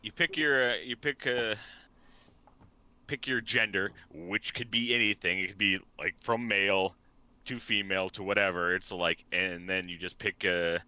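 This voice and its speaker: A tired man rambling laid-back on a casual podcast, full of fillers. His voice is low-pitched and bright-edged. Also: fairly even intonation, moderate pace, clear, resonant tone. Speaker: podcast co-host.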